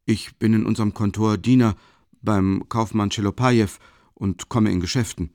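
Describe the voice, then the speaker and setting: A man's voice: fairly low pitch, steady tone, normal speed, darkish tone, no echo, clean studio sound, lightly acted. A man reading the lines of a modest male office messenger in an audiobook, matter-of-fact. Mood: polite.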